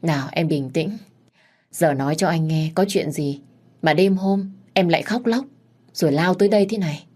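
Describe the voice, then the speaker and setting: A caring young man, voiced by a woman narrator, speaks soothing, gentle words in an audiobook story. The voice stays fairly low and calm. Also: moderate pace.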